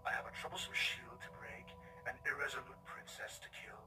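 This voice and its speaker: A man voicing a sinister exiled unicorn king, breathy and whispery, taunting slowly and theatrically in a fan comic dub. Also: medium pitch, natural voice. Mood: gloating menace. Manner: menacing, slow theatrical taunting. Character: sinister exiled unicorn tyrant king, patient, seductive, vengeful. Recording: distant voice under loud music.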